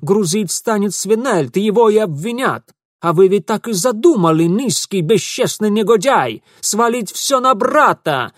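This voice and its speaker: A man doing a shrill, indignant young accuser. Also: animated, a little slow, no echo, clean studio sound. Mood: contemptuous. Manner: shrill, scolding, contemptuous. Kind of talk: audiobook character voicing.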